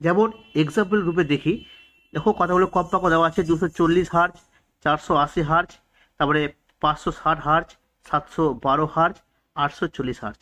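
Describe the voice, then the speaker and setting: A man's voice: a little high, steady tone, fast, sharp tone. A man with a Bengali accent teaching an exam-prep science lesson, repeating each key answer to drill it in. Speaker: quiz teacher.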